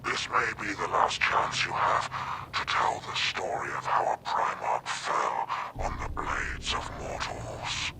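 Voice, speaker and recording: A man voicing a menacing enemy warlord who taunts slowly and coldly over a vox link. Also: sits low, huge pitch swings, gravelly, heavily acted. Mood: cold, curious. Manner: slow, calculating, mocking then coolly curious. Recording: crackly vox transmission with heavy noise.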